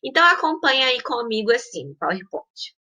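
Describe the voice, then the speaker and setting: A woman's voice: on the high side, big pitch swings, fairly quick, sharp tone, husky. A woman teacher with a Brazilian Portuguese accent gives a recorded lesson to young pupils. She talks patiently, stresses example words and keeps checking in with the class. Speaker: primary school teacher.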